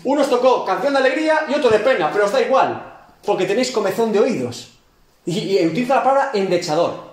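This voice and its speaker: Man, seminary teacher, high voice, acts out scenes, echoey room. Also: quick pace. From Galicia, Spain. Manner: animated, acts out scenes with rhetorical questions. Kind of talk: Bible class lecture. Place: church classroom.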